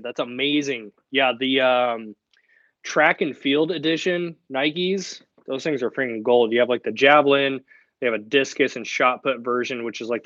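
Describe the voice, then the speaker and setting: A man's voice: mid-range voice, fairly bright tone, dry recording, muffled recording. A young man hosting a live online Q&A, talking casually and directly. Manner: casual and direct, chatty with fillers. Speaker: host of a live Q&A stream.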